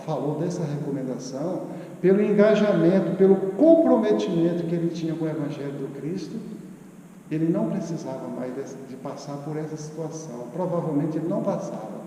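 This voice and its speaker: A man's voice: a little high, expressive, fairly quick, dark tone. A Brazilian man in his fifties giving an earnest spiritual lecture, repeating words for emphasis. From southern Bahia, Brazil. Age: 50s. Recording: echoey hall with long reverb.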